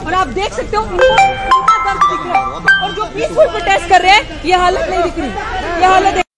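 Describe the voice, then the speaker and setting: A woman's voice: very high-pitched, fairly even intonation, a little fast, low-quality recording. Urgent woman rallying a protest crowd. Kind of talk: street protest speech. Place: outdoor street protest. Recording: loud crowd and music outdoors.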